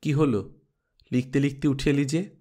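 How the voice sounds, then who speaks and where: A man voicing an affectionate mother who scolds her little daughter gently, read as an audiobook character. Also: medium pitch, steady tone, normal speed, natural voice. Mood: fond. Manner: fond, gently chiding. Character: affectionate scolding mother, middle-aged woman.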